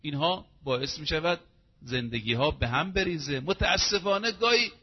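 A man preaching a sermon in an emphatic, rhetorical way, piling up examples in quick runs. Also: fairly high pitch, husky, muffled recording.

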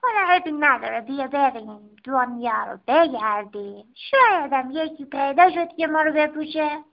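A woman's voice: high voice, animated. A woman voicing a lonely holey sock in a storybook, eager and pleading, on a dull lo-fi recording. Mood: hopeful.

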